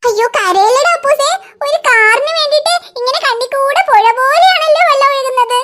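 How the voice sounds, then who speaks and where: A woman voicing a kindly, cheerful young aunt in a cartoon, bright and chuckling as she helps with a toddler. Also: very high-pitched, fairly quick. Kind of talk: cartoon dialogue.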